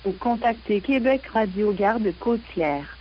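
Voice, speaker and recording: A woman reading navigation warnings in a measured, even announcer delivery over a VHF marine radio broadcast. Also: medium pitch, lo-fi sound, a little hiss or hum.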